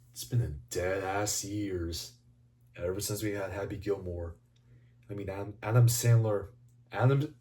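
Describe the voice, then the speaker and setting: A man rambling through a casual, profanity-laced movie review, swinging between excited and mumbling. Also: on the low side. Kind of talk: casual video commentary.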